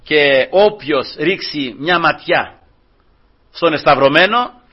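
A man preaching a sermon, fervent and husky, swinging between loud and soft, often calling out to his brothers. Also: fairly high pitch, animated, highs cut off. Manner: fervent, rising and falling in loudness, repeating "brothers".

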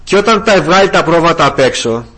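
A man's voice: fairly high pitch, lively intonation, a bit bright. An older man preaching a sermon with fervor, calling his listeners brothers. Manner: fervent, addresses listeners as brothers.

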